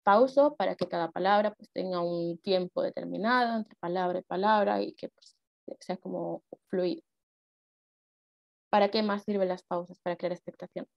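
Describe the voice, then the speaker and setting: A woman's voice: on the low side, fairly even intonation, moderate pace, creaky, no echo. Woman running a speaking workshop, chatty, lots of "em" and "¿no?", dry muffled audio. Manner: conversational, with many fillers and rhetorical questions. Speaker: speech workshop instructor and speech judge. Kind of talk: explanatory workshop talk.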